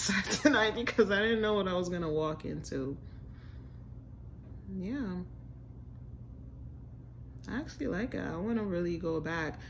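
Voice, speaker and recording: This young adult American woman speaks on the low side with vocal fry, chatting to camera as a food vlogger. Her restaurant review is casual, chatty and slangy. Slight background noise can be heard in the home room with a staircase where she records.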